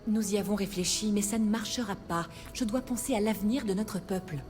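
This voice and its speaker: An actress playing a firm, diplomatic leader of space colonists in scripted video game dialogue, speaking formally and politely. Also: female voice, mid-range voice, fairly quick, darkish tone, soft background music, close to an everyday voice. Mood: calm, firm.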